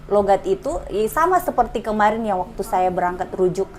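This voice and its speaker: A woman's voice: medium pitch, lively intonation, brisk, a little hiss or hum. A woman hosting a podcast, asking her guest questions and affirming his answers often in casual chat. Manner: warm back-channeling interviewer, frequent affirmations. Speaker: podcast host.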